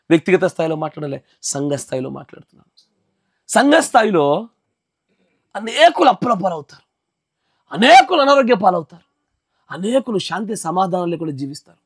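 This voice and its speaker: A man's voice: on the high side, no echo, studio quality. A male pastor giving an emphatic sermon at a house gathering, often checking that his listeners follow.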